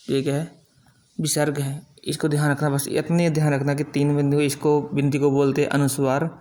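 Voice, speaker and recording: Brief: middle-aged male teacher, slightly high, even-toned delivery, patient and methodical, stretches out example syllables. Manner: slow, explanatory, drawing out sounds as examples. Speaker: Hindi grammar teacher. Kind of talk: classroom-style grammar lesson.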